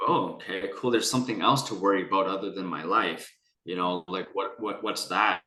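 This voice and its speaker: A man's voice: sits low, a little fast, sharp tone. A young man from Canada telling his personal story in a candid conversation, rambling and earnest with many restarts. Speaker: guest. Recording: echoey room.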